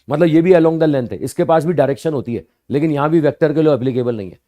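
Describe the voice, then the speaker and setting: A man teaching physics to students, explaining slowly and repeating points, often asking rhetorical questions and answering them himself. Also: fairly high pitch, warm tone. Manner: addresses students as "bhaiya" and "sahab". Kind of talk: classroom lecture.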